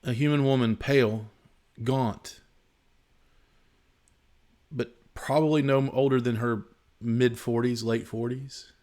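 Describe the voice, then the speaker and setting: A man narrating as game master of a tabletop role-playing game, descriptive and unhurried, with frequent fillers. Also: mid-range voice, steady tone, a little mellow.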